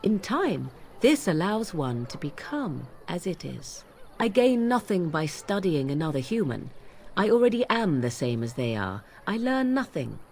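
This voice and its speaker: A proud young witch of the wilds, cool and sardonic, with formal, archaic turns of phrase. Her voice sits on the low side but moves expressively, with a faint hiss of noise under it. It is fantasy video game dialogue. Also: sing-song, a little slow, a little mellow. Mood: lofty. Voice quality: haughty, formal archaic speech. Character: aloof, sardonic young woman witch and shapechanger.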